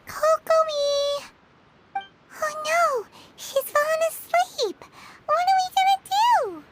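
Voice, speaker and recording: A squeaky, excitable tiny fairy. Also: female voice, slight background noise, exaggerated voice. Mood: alarmed. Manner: squeaky, exclamatory, refers to self in third person. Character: tiny childlike fairy companion, excitable and loyal. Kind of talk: video game voice acting.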